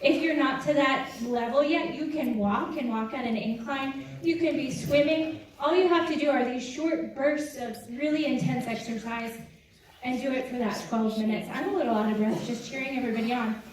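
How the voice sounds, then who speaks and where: A woman's voice: high-pitched, normal speed. A woman presenting a live health seminar, cheering volunteers on and counting down exercises with lots of energy. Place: large room with audience. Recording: echoey hall, far-off mic, music and crowd.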